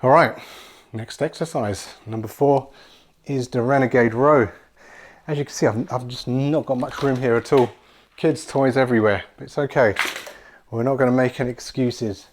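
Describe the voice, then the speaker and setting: A man in his forties leads a home workout, relaxed and encouraging as he demonstrates each move. His voice sits at an ordinary middle pitch. He restarts phrases and repeats words as he goes. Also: moderate pace. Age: 40s. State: slightly out of breath at times. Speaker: fitness coach. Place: small room at home with kids' toys.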